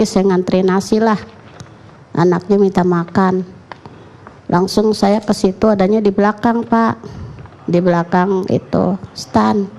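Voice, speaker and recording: Gravelly woman telling her story. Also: mid-range voice, warm tone. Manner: recounts in short run-on clauses, plain and colloquial. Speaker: mother giving an interview. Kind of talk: emotional first-person account.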